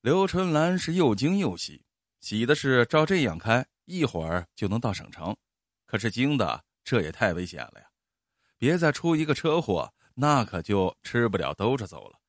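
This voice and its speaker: Guy reading a story out loud, super expressive, lots of pitch movement, dry close sound. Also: normal speed, no room sound. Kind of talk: storytelling narration.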